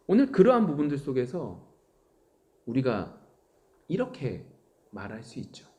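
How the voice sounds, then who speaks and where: A middle-aged man preaching a sermon as pastor, swinging from loud exclaiming to hushed whispers. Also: mid-range voice. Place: church sanctuary.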